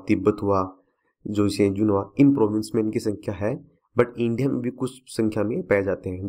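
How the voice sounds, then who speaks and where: A man's voice: fairly low pitch, dark tone. A man teaching a current affairs lesson for exam students, repeating key facts to remember.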